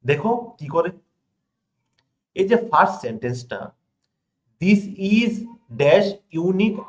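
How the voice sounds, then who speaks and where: A young man from India teaching an English grammar lesson, stressing key words, reading example sentences slowly and often asking his students if they follow. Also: a little high. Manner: checks in often with rhetorical questions to students. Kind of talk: classroom lesson explaining examples.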